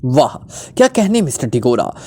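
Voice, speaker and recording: A man's voice: medium pitch, big pitch swings, normal speed, a little mellow. A man as a breezy joking detective. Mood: teasing. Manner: breezy, mocking, teasing. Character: flippant, joking male detective, unflappable.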